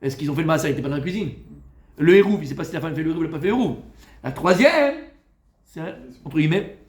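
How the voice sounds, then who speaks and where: A man, a rabbi, giving an informal Talmud lesson to a live group, familiar and teasing with his listeners, moving between loud urging and soft coaxing. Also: a little high, expressive, very fast. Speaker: rabbi teaching a Torah class. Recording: echoey room.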